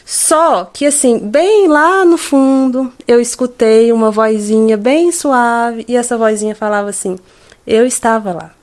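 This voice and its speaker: A Brazilian woman in her thirties speaks as a guest, recounting her own experience in a fairly high voice. She is earnest and hesitant, often breaking off and starting her sentences again. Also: a little slow, hardly any pauses, a little mellow. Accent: Brazilian Portuguese. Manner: earnest, hesitant with frequent restarts. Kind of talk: personal testimony.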